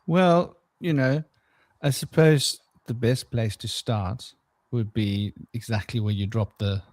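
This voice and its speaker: A man co-hosts a casual podcast in a medium-pitched, darkish voice, speaking slowly with fairly even intonation and no room sound. He rambles and jokes, laughing often and restarting his sentences many times.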